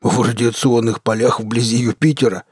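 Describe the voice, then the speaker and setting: A man voicing a calm, fatherly blue giant starship captain with a deep bass voice, in an audiobook reading. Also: slightly rough, dry recording, studio quality, lightly acted. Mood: dry. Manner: unhurried, fatherly, soothing. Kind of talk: audiobook character voice.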